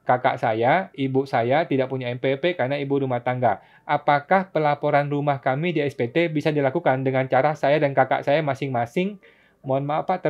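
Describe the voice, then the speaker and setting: Man answering viewer questions on a dull stream. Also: on the high side. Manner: reads questions aloud, answers patiently with frequent chuckles and "gitu". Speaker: tax consultant host answering viewer questions. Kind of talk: casual live-stream Q&A. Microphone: phone or laptop mic for live stream. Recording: dull lo-fi live-stream audio.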